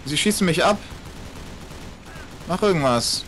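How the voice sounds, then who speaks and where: A man's voice: on the high side, expressive, measured pace, a bit bright, a little hiss or hum. Man on a fuzzy, clipping mic. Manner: teasing, joking. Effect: overdriven mic with clipping fuzz distortion. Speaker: co-op gaming partner. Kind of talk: casual let's play banter.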